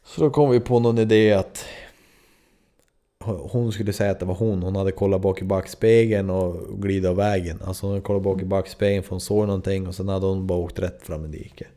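A man's voice: low voice, steady tone, warm tone. A man in his twenties from Sweden, a podcast host telling a story in a loose, rambling way, full of fillers and swearing. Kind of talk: casual storytelling.

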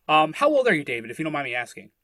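A man, talking in a relaxed, reflective way and often restarting his sentences. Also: fairly high pitch, very fast, no echo. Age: 30s. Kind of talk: casual conversation.

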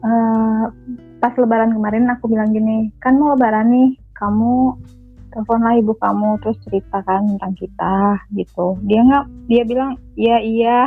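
A woman's voice: on the high side, steady tone, normal speed, soft background music. Woman telling her story over a phone line. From lives in Manado, not originally from there. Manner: chatty, aggrieved storytelling with quoted dialogue. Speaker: caller sharing her story. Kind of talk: casual chat.

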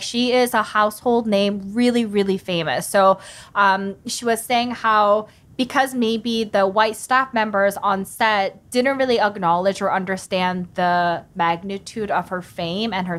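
A woman co-hosting a podcast, recapping what she read in a casual chat with some swearing. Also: medium pitch. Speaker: podcast co-host.

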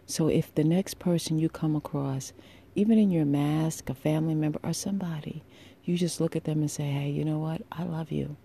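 A woman hosting a solo podcast with a sultry, husky voice, speaking intimately and deliberately with emphatic pauses, affectionate and encouraging toward listeners. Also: low-pitched, steady tone, dark tone, a little hiss or hum. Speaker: podcast host.

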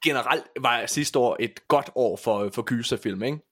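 A man's voice: mid-range voice, a bit bright, breathy edge. A man hosting a casual podcast chat, opinionated and bantering as he talks. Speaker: podcast host.

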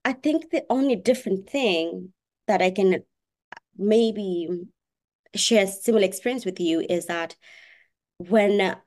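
A woman, a software engineer chatting animatedly as a podcast guest and laughing often. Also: mid-range voice, a little slow, long pauses. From Kenya. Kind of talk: casual interview chat.

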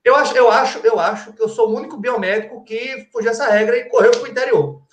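Very high-pitched and fast, this man's voice comes with slight background noise and roomy echo. A guest forensic crime-scene expert from Pernambuco, Brazil, he explains in a didactic, colloquial way, using rhetorical questions and frequent "tá?" check-ins.

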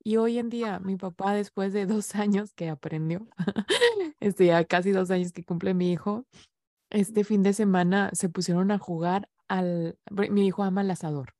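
A woman's voice: medium pitch, normal speed, a little mellow, dry recording, studio quality. A woman hosting an interview who talks in a heartfelt, rambling way with many fillers. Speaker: host. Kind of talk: interview conversation.

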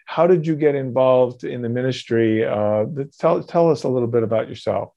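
A man's voice: mid-range voice, moderate pace, creaky, warm tone, dull audio. A man hosting an interview program, friendly, with many fillers and restarts. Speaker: host.

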